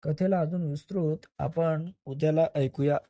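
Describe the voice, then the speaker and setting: A man reads a first-person story in a plain, steady voice and now and then corrects his own slips. His voice sits a touch high and sounds mellow and dark in tone. The recording is close and dry. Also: a little slow, no echo.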